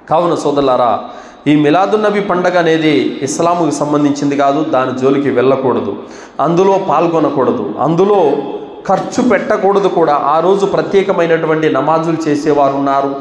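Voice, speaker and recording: A man's voice: a little high, reverberant, big-room sound. A man delivering a sermon as an Islamic preacher, asking rhetorical questions and rising into urgent exhortation.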